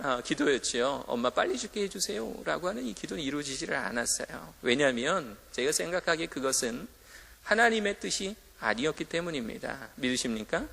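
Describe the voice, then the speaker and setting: In a school chapel, a man preaches a sermon to students, animatedly telling stories and acting out the voices of those he quotes. His voice sits high, gravelly, pushed and bright, with hall reverb around it.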